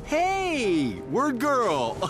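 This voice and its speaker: A man voicing a smug, scheming middle-aged businessman supervillain in a cartoon, with slow theatrical salesman's patter and villainous menace. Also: very high-pitched, huge pitch swings, over music, exaggerated voice. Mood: slick, showy. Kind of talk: animated cartoon voice acting.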